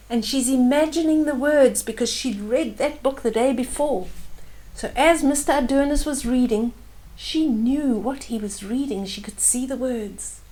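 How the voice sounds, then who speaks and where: An older woman who reads children's books aloud shares a bedtime story at a very unhurried pace. Her voice sits a little high, and she stops now and then to gently, simply explain the pictures to her young listeners.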